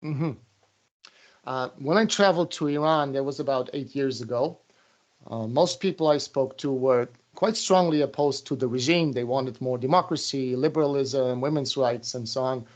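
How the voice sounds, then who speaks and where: A man hosting an interview, framing long, deliberate questions and recounting his own travels. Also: medium pitch, a little mellow.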